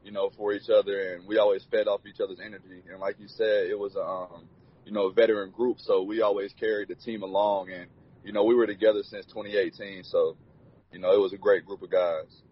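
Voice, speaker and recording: Young male athlete, husky and even-toned, easygoing answers, dull lo-fi sound. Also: fairly low pitch, brisk. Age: 20s. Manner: laid-back, many "you know" fillers. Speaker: college football player. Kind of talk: relaxed interview answers. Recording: dull lo-fi recording.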